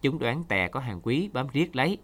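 A man reading a short story aloud for a radio program in an expressive storytelling manner. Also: medium pitch, normal speed. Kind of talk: scripted narration.

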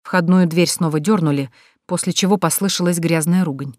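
A woman's voice: on the low side, brisk, darkish tone, no room sound, studio quality. A woman reading a first-person audiobook with tense, dramatic storytelling. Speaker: audiobook narrator.

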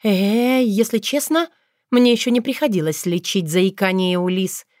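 Careful polite young doc, narrator lady voicing her, a bit unsure, soft and close. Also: medium pitch, moderate pace, no room sound, lightly acted. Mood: hesitant. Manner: polite and hesitant. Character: cautious young woman doctor, honest and polite. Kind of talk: audiobook character voice.

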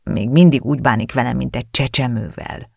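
A man's voice: medium pitch, fairly even intonation, creaky, no room sound, studio quality. A man voicing a rebellious teenage girl in an audiobook; she talks in a sulky, pleading way and sometimes drops to a whisper. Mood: frustrated.

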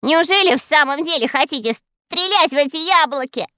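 Squeaky shrill little elf guy, brags then wails, woman putting him on, dry close audio. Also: lively intonation, moderate pace, sharp tone, no echo. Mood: frightened. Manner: shrill, wailing, boastful. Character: boastful cowardly tiny male forest elf. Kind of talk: storybook reading.

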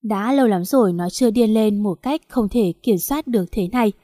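A woman narrating a novel with a steady, even delivery and a middle-pitched voice. The recording is dry and close, with no room sound around her. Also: fairly quick, dry recording. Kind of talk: scripted audiobook narration.

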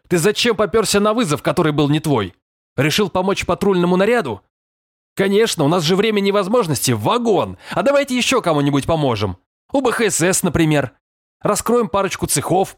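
A man's voice: sits high, big pitch swings, fairly quick, no echo, clean studio sound, pitched above the performer's own voice. A man voicing a furious, stout middle-aged police lieutenant colonel who scolds with bellowing sarcasm. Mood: raging.

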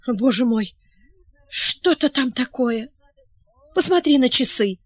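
A woman's voice: sits high, lively intonation, takes it slowly, no echo, exaggerated voice. A woman reading the part of an anxious, tearful young princess who pleads and asks breathless questions.

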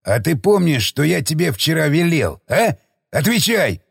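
A man voicing a furious, gruff former army commander who barks abuse at a subordinate in an audiobook. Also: a little high, very animated, a little slow, no room sound, studio quality, full character voice. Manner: barking, abusive, threatening. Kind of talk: audiobook character reading.

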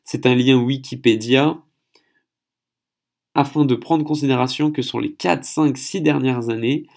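Gravelly French man podcasting solo. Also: mid-range voice. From France. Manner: chatty, hesitant, stumbles on foreign names. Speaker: podcast host.

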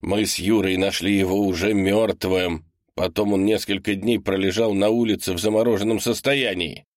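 Man doing a wary crewman, low voice, slow and insistent, audiobook. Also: fairly even intonation, no room sound, clean studio sound, natural voice. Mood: alarmed.

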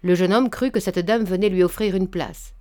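A woman narrating a literary short story as an audiobook, in a measured, expressive way. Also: on the low side.

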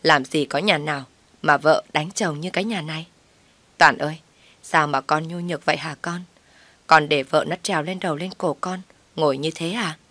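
A woman voicing a scheming older mother-in-law who complains and accuses loudly. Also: low-pitched, moderate pace, no room sound. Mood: aggrieved.

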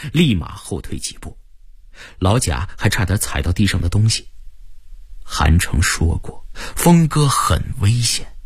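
A man tells a tense first-person tale in a husky voice, his pitch leaping and dropping all over to build suspense. The sound is dry and close. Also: no echo. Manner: vivid, suspense-building delivery. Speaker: storyteller. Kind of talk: dramatic first-person story narration.

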